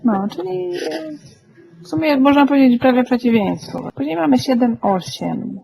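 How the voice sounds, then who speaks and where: A woman's voice: high voice, expressive, normal speed, creaky, dark tone, poor audio. A woman teaching a group lesson, patient and asking the class questions, often checking "tak?" as she explains. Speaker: Greek teacher.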